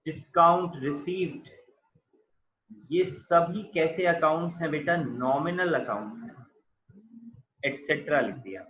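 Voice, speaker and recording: A man's voice: on the high side, unhurried, pauses often, a little hiss or hum. Man teaching accounting in an echoey room. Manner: explains patiently, calls students "beta", writes on board while talking. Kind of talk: classroom lecture. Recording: echoey dull lo-fi room sound.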